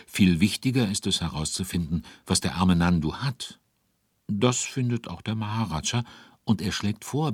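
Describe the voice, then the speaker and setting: Deep, raspy man narrating a story. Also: dry recording, studio quality. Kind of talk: scripted narration.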